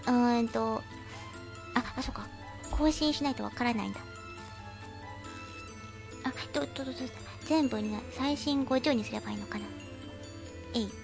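A woman with a high, cute voice hosting an internet radio show, chatting casually and reading out listener comments with giggles and fillers. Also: moderate pace, gravelly, pauses often. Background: faint background music.

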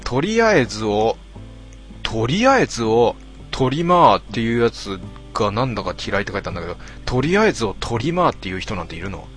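Man, deadpan comment reader, lively up-and-down intonation, faint music behind. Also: mid-range voice, brisk. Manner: deadpan, wry retorts between readings. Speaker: host reading out listener posts. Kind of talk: casual commentary reading comments.

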